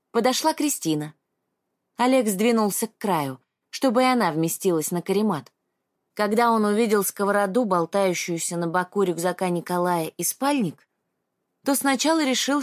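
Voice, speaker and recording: A woman narrating an audiobook in a calm, even storytelling manner. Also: medium pitch, dry recording, clean studio sound.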